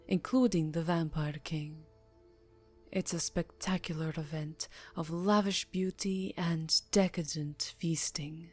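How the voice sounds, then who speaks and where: Close to the microphone, a woman whose voice sits on the low side plays an imperious, elegant vampire countess with a tender, seductive edge in an ASMR roleplay. She speaks formally and softly, with breathiness, sometimes drifting into a whisper.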